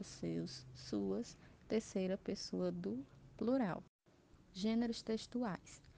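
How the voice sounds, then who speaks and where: A woman teacher with a Brazilian Portuguese accent, giving an educational TV lesson and listing examples slowly and clearly. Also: mid-range voice, darkish tone.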